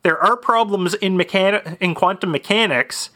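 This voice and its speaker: A man's voice: sits high, moderate pace, sharp tone. A man co-hosting a podcast, casually and matter-of-factly explaining details and dates. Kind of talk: casual chat.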